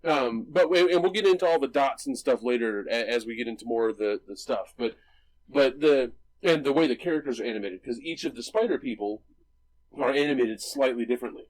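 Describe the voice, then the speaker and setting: On poor audio, a man with a mid-range, expressive, slightly mellow voice talks briskly as co-host of a movie podcast. He enthusiastically explains film visuals in casual chat, often restarting sentences and adding tag questions.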